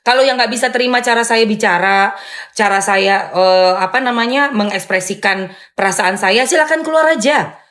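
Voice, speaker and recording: A woman hosting a live stream and answering viewer comments in a loud, firm, blunt way, with sharp emphatic rises on dismissive phrases. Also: medium pitch, normal speed. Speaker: live-stream host and content creator.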